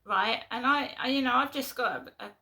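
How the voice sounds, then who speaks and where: A woman's voice: fairly high pitch, a little fast, gravelly, sharp tone. A woman with a London accent venting to camera in a casual vlog, exasperated and repeating herself in short bursts. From London, England. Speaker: vlogger.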